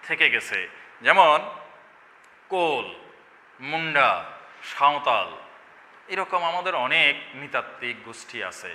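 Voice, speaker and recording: A man's voice: medium pitch, pushed and bright, big-room sound, slight background noise. A middle-aged man teaching an online language class, explaining points and answering his own questions. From Bangladesh. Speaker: Bengali teacher.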